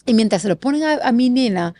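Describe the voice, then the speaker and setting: A middle-aged woman from Panama, a guest in an interview, telling a personal story with expressive, animated delivery and quick lists. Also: fairly high pitch. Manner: expressive, animated, lists things in rapid series.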